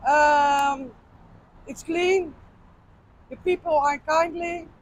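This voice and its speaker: A woman's voice: high voice, steady tone, extremely slow, lo-fi sound, a little hiss or hum. A woman with a Dutch accent, answering in short, simple phrases and sounding unsure of her English. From Netherlands. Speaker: interviewee. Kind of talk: casual street interview.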